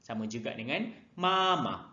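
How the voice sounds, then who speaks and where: Slow, lively male teacher. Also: mid-range voice, reverberant, highs cut off. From Malaysia. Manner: slow, drills pronunciation by repeating words twice. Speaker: Mandarin teacher. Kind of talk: online language lesson.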